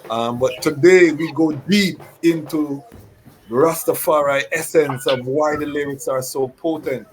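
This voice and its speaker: A man's voice: on the high side, a little slow, slight background noise, rough recording. A man hosting a talk show, introducing his guest with formal, ceremonial phrasing and frequent fillers. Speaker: host.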